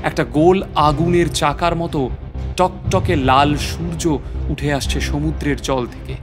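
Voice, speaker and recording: An actor playing an earnest, weary professor who narrates his ordeal in a dramatic, halting way. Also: fairly high pitch, lightly acted. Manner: dramatic, halting, with repeated words. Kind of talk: dramatised first-person story narration.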